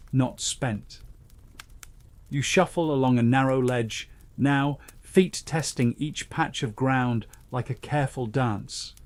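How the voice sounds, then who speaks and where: A man gently narrating a scripted bedtime science story, guiding the listener in a soothing second-person voice. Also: mid-range voice, no room sound.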